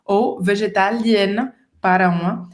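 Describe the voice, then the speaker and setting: A woman's voice: mid-range voice, steady tone, slow. A Brazilian woman with a Brazilian Portuguese accent, co-teaching a casual French lesson and explaining pronunciation step by step. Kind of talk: casual bilingual language lesson.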